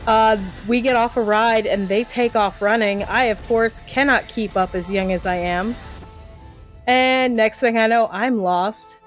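Speaking unhurriedly in a voice on the high side, a middle-aged woman from eastern Pennsylvania shares stories during a relaxed podcast chat, where she's a co-host or guest. She brings quoted remarks to life with animated impressions. Faint music sits behind her.

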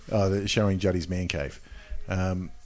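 Deep-voiced rambling man. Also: fairly even intonation, slow. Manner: rambling, hesitant with many fillers. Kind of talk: casual chat.

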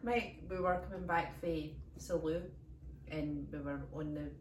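Lower-voiced Scottish woman on a roomy phone recording. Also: steady tone, a little slow, distant mic, slight background noise. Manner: rambling storyteller, laughs often. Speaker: podcast co-host. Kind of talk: casual comedic chat. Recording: echoey room, phone held off-mic.

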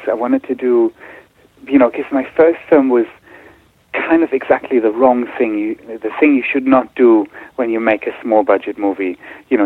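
Hesitant film director on a tinny line. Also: male voice, medium pitch, dry recording. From Germany. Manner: hesitant, many fillers and restarts. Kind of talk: interview answers.

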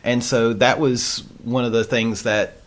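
A man's voice: medium pitch, flat delivery, unhurried. A man co-hosting a show in an informal, playful, sometimes sweary chat. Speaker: podcast co-host. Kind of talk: casual chat.

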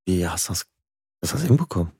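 A man's voice: sits low, very animated, fast, darkish tone, slightly rough, no echo, studio quality. A man chatting casually, throwing in colloquial questions and interjections. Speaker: podcast co-host asking questions. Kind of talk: casual chat.

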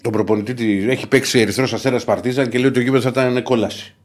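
A man co-hosting a sports podcast, excitable and jumping from topic to topic, his voice leaping up when worked up. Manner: excitable, jumps between topics, pitch leaps up. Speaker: podcast co-host. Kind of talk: lively sports chat.

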